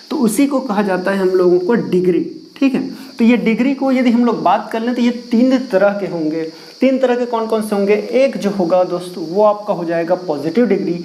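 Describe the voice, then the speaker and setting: The teacher here is a man whose voice sits high with a dark tone, heard over slight background noise in a rough recording. His Hindi-language lesson on English grammar has him questioning students, repeating key words, and writing and erasing on the board.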